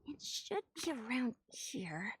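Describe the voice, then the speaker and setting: A woman voicing a sharp, formal woman scholar with an old-fashioned way of speaking. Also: a little high, big pitch swings, takes it slowly, breathy edge, exaggerated voice.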